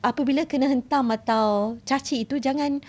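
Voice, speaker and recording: A Malaysian woman hosting a podcast interview, with frequent soft agreement and hesitant fillers. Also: high voice, fairly even intonation, brisk. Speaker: podcast host.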